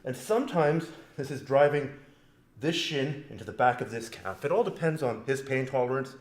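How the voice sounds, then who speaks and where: This grappling instructor has a mid-range voice and a moderate pace as he jokes around casually, demonstrating moves on a partner and explaining each one. The instructional demo takes place in a training mat room that gives the audio a roomy quality.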